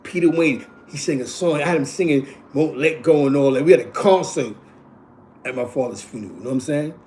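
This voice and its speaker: New York man, 40s, host telling loose streetwise stories, somewhat high voice, slight background hum. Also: brisk, darkish tone. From East Harlem, New York. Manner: rambling, repeats himself, constant "you know what I'm saying". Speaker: show host. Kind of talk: casual streetwise storytelling.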